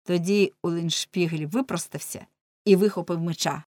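A woman narrating an audiobook in a lively, expressive way. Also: on the low side, moderate pace, no echo, studio quality.

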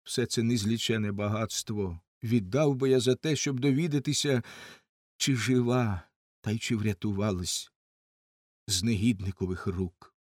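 A man's voice: fairly low pitch, normal speed, no echo, clean studio sound, close to an everyday voice. A man reading an audiobook and voicing an old father in anguish, speaking in a trembling, lamenting way. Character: old grieving father, desperate and pleading.

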